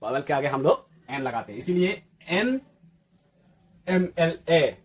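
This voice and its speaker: A man with a slightly raised pitch and a husky edge gives a grammar lesson. He teaches step by step, asking the viewer a question and then answering it himself. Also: sing-song, slow. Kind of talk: classroom-style lesson.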